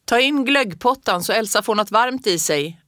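A woman's voice: medium pitch, steady tone, fairly bright tone, clean tone, dry recording, studio quality, close to an everyday voice. A woman reading the part of a hearty older man who calls out across the house. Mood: jovial.

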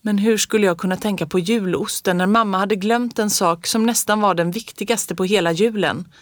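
Calm woman reading a storybook. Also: medium pitch, no echo.

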